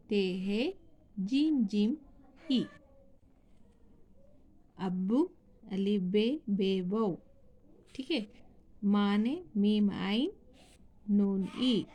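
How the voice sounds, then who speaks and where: In a mid-range, dark-toned voice, this teacher leads a recorded class. She spells out words slowly, one letter at a time, and asks questions only to answer them herself.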